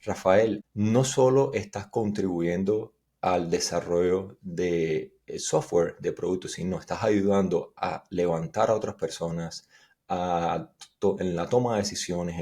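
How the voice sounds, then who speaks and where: A man's voice: sits low, mellow. A man from Cuba with a Cuban Spanish accent, answering interview questions in a thoughtful, explanatory way and sometimes restarting his sentences. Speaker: guest engineer.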